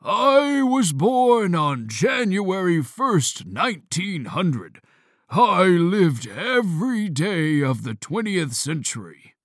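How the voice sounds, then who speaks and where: A woman reading an audiobook, voicing a lonely very old man who talks extremely loudly and slowly. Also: fairly low pitch, very animated, no echo, clean studio sound, heavily acted. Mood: wistful.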